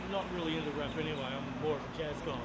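An actor playing a chatty male driver who rambles quickly and haltingly in a low-budget film. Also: steady tone, close to an everyday voice. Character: chatty middle-aged male jazz-loving driver. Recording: loud car and street noise.

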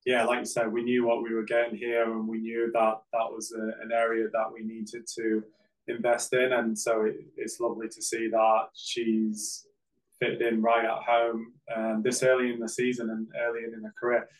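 A man, a football coach answering press questions after a game on a video call, measured and full of fillers. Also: mid-range voice, rough recording. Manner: measured, flat delivery with many fillers. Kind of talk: post-game press conference. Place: press backdrop, indoors.

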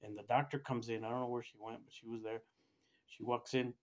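A man telling a personal story in casual speech, rambling and halting, with many restarts and fillers. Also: medium pitch, little pitch movement, a little hiss or hum. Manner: acts out other people's quoted lines in a raised voice. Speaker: storyteller recounting a personal experience.

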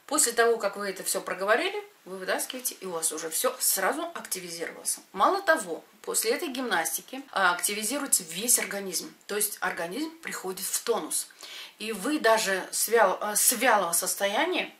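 A middle-aged woman teaching exercises to camera, giving short step-by-step instructions with pauses between them. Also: medium pitch, expressive, a bit bright, a little hiss or hum. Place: indoors, in front of a padded wall.

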